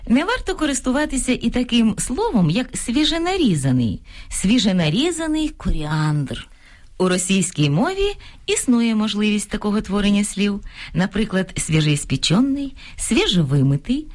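A woman presenting a radio language segment, reading scripted advice in a clear, instructive way. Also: mid-range voice, sing-song, normal speed, darkish tone.

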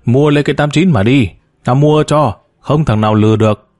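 Man doing a gruff bossy older businessman. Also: mid-range voice, brisk, a little mellow, no room sound, clean studio sound, lightly acted.

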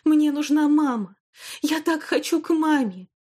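A woman's voice: a little high, normal speed, a little mellow, lightly acted. A woman reading an audiobook, voicing a rebellious, distraught teenage girl who turns defiant, then desperate. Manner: sulky, then desperate and sobbing. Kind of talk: audiobook character voice.

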